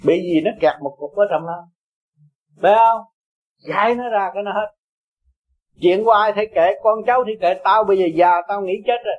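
Buddhist teacher guy, high voice, blunt and pushy, preaching to his followers. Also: fairly quick, long pauses, low-quality recording. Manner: blunt, emphatic, coaxing and scolding. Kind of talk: blunt Dharma talk to followers.

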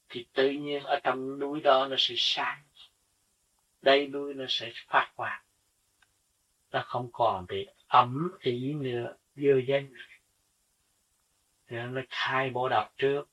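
A man's voice: mid-range voice, bright, forceful tone, slightly rough. A man giving an earnest spiritual sermon, teaching with rhetorical questions. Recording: dull lo-fi recording from a distance.

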